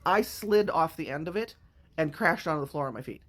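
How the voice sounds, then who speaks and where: A woman's voice: sits low, lively intonation, brisk. Blunt, candid woman in her fifties. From Midwestern United States. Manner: candid, emotional, blunt with swearing. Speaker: vlogger. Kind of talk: casual storytime monologue.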